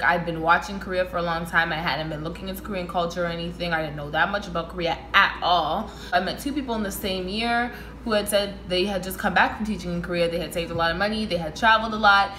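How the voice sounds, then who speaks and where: A woman's voice: lowish voice, bright, forceful tone, echoey room, a little hiss or hum, rough recording. A young woman from Canada with a Toronto accent, answering viewer questions in a casual, chatty vlog and laughing often. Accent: Toronto Canadian English. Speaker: vlogger.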